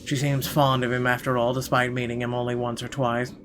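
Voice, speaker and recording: With game music and some background noise underneath, a male gaming video host performs visual novel narration dramatically and trips over the occasional word. He speaks briskly in a mid-range voice that barely shifts in pitch.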